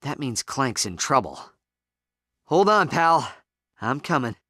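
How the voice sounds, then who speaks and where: An actor playing a determined young alien hero in a video game, earnest and urgent. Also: male voice, medium pitch, very animated, takes it slowly. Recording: loud engine and battle noise.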